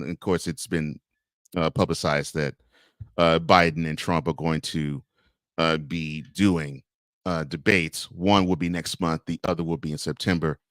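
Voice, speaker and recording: Deep-voiced chatty male show host. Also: a bit bright, no room sound, clean studio sound. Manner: chatty, laughs often, repeats plugs. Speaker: host of a morning variety show. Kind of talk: casual live-stream chat reading viewer comments.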